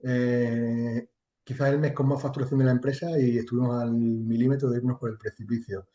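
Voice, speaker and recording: The lo-fi, echoey recording captures a warm, medium-pitched male voice, level and fairly quick. He's an interview guest from Extremadura, Spain, who runs a chatbot marketing business, and he talks openly and casually with a bit of mild swearing.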